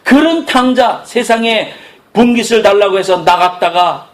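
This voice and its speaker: A middle-aged male pastor delivering an animated sermon, dropping low and soft when he quotes God. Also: unhurried.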